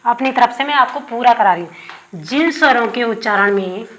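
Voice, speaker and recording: A woman's voice: a little high, normal speed, a bit bright. A woman teaching Hindi grammar in an exam-prep lesson, asking her class questions and answering them herself while dictating notes. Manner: repeats key terms with rhetorical questions.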